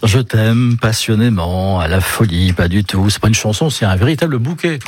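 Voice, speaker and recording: A man's voice: fairly low pitch, lively intonation, moderate pace. A male radio presenter introducing segments in an upbeat announcing manner. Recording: noisy radio broadcast.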